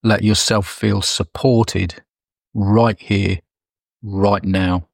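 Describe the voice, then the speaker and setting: Male meditation guide, unhurried and gentle, lowish voice, dry close recording. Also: steady tone, vocal fry, dry recording. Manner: slow, soft, soothing delivery with long pauses.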